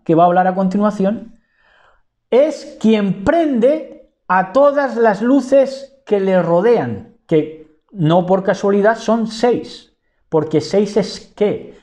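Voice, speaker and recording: Male preacher, bible teaching sermon; mellow timbre, rhetorical questions, repeats and rephrases his words. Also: high voice. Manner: asks rhetorical questions and answers them himself.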